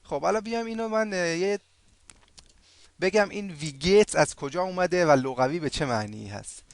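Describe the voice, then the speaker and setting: A man teaching a language lesson in a casual, chatty way, with many fillers, saying example words slowly and loudly for learners to repeat. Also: high voice, lively intonation, slight background noise.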